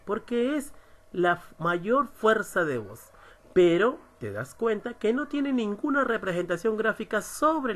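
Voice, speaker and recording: Slow, emphatic man teaching a lesson. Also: high-pitched, a bit bright. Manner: slow, emphatic, stresses syllables. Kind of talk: recorded online lesson.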